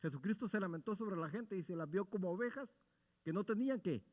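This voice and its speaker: A man leads a Bible study in the manner of a sermon, earnest and exhorting, putting rhetorical questions to his listeners and answering them himself. His voice sits fairly high for a man. The sound rings on in the long reverb of a church sanctuary. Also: lively intonation, brisk, a little mellow.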